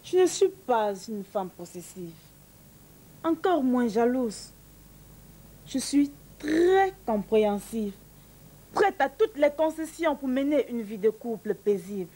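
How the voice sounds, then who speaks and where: A woman's voice: fairly high pitch, big pitch swings, slow pace, warm tone, low-quality recording. A woman performing a comic monologue to the audience, dramatic and exasperated.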